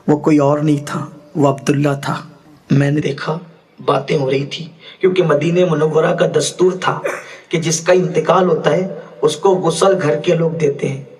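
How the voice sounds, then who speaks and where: A male preacher with an Urdu accent, whose voice sits high for a man. He tells a devotional story with feeling. He slows down when reciting verse. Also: slightly rough. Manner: emotional, rising pitch and slowing for poetry. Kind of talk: sermon storytelling.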